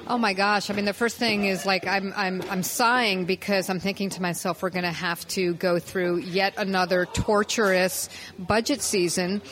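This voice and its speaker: A woman reporter co-hosting a political news podcast, calmly explaining background details in a casual chat. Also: mid-range voice, moderate pace, poor audio.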